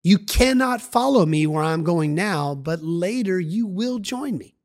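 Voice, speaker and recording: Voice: mid-range voice, expressive, measured pace, a little mellow. A narrator voicing Jesus in a dramatized Bible story, speaking in an earnest, reassuring way to his followers. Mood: solemn. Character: calm earnest male Jesus teaching followers.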